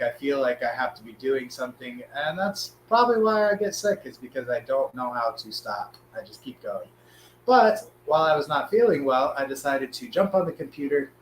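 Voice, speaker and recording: A man hosts a casual live stream in a hoarse, sick voice with a smoker's rasp. He chats informally at a middle pitch. The room is clearly echoey, with a faint hum behind him.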